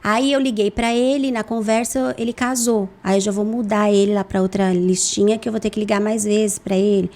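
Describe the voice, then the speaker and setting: A Brazilian woman speaking in an interview with a mid-pitched voice that swings up and down expressively. She talks animatedly, like someone telling stories over coffee. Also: fairly quick, hardly any pauses. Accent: Brazilian Portuguese. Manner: animated, lively intonation, acts out phone calls in voices. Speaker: guest, insurance broker. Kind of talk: conversational podcast interview.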